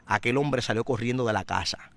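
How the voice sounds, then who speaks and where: A man giving a personal testimony in an interview, a vivid, dramatic storyteller who grows louder and more intense. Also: mid-range voice, brisk, creaky.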